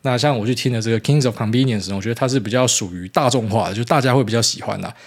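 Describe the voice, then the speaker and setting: This podcast host, a man in his thirties with a Taiwanese Mandarin accent, talks fast in a medium pitch with a breathy edge. His casual solo show is rambling and blunt, sprinkled with mild swearing.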